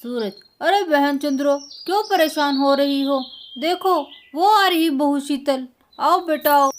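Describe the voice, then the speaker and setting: A woman doing a gentle old village uncle. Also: high voice, slight background noise. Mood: kindly. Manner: slow, gentle and blessing. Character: elderly village man, a kind maternal uncle. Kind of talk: storybook voice acting.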